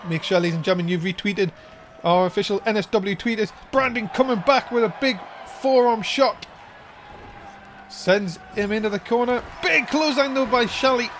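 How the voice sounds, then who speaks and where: A high-voiced man working as a wrestling commentator. He delivers informal play-by-play and stretches his words when the action peaks. Some background noise sits behind his voice. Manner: breaks into drawn-out excited shouts at big moves.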